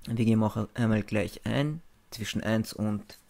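Low, creaky young man, mellow delivery. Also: measured pace. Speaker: video channel host. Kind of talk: casual screencast narration of a giveaway draw.

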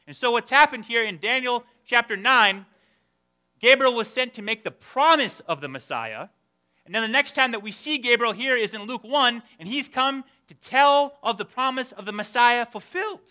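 A male pastor delivering a sermon in a church sanctuary. His voice sits high and rings bright, and he preaches with animated energy, dropping into excited asides and voicing imagined prayers. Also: moderate pace, clear, resonant tone.

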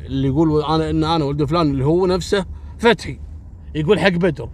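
A man's voice: fairly high pitch, rapid-fire. A man telling a dramatic story in a casual, conversational way and talking straight to his listeners. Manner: conversational, addresses listeners directly.

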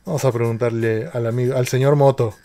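A man's voice: mid-range voice, steady tone, quick pace, mellow. A man, a tech streamer chatting casually on a live stream and joking as he reads out viewer questions.

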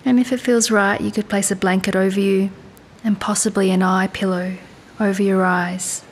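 Calm and soothing, a female meditation and yoga teacher unhurriedly guides a body scan, letting long pauses settle in. There's faint low rumbling in the background.

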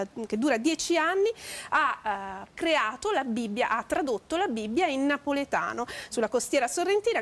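A woman in her thirties presenting a scripted studio introduction with hesitant pauses. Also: sits high. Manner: hesitant, pausing between phrases. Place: TV studio with seated audience.

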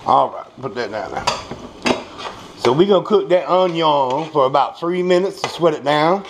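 With a voice on the high side, lively intonation, and a moderate pace, an American home cook casually walks through a recipe at the stove in his small kitchen. He's folksy and salty-tongued and repeats himself often, while clear kitchen noise of frying, stirring, clinking dishes, and clattering utensils fills the background.

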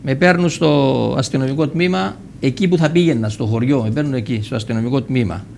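An older man from Cyprus speaks at medium pitch in a creaky, slightly mellow voice, with slight background noise. As a guest in a TV interview he tells a personal story, vividly acting out the dialogue and restarting frequently.

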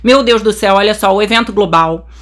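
A young Brazilian woman with a Brazilian Portuguese accent commentating a game update, so excited she says she is trembling, gushing and exclaiming constantly. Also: mid-range voice, a little fast. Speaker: game channel host.

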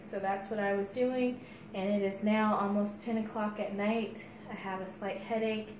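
A woman's voice: mid-range voice, darkish tone. American woman vlogging in an echoey room. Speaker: fitness vlogger. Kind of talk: casual chat to camera. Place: bare-walled room indoors. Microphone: phone camera a few steps away. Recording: echoey room with faint background noise.

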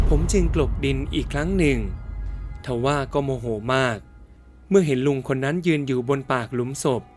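Man narrating a ghost story. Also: medium pitch.

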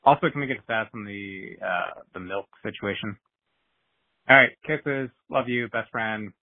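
A man's voice: lowish voice, moderate pace, dry recording. A man leaving a joking, teasing voicemail for a podcast, played back over a phone line. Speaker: voicemail caller. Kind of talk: casual phone message.

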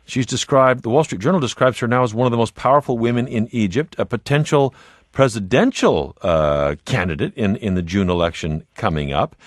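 A man hosting a radio call-in show, steady and composed as he introduces guests and takes callers on the air. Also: medium pitch, fairly quick, no echo, clean studio sound. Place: radio studio.

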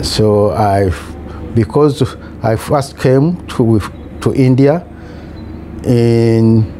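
Middle-aged man, Kenyan accent, low-pitched, hesitant personal testimony, lapel mic, music behind. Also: warm tone. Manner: halting, hesitant delivery with long pauses. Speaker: patient giving a testimonial. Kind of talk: personal account to camera. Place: small hospital room, in bed.

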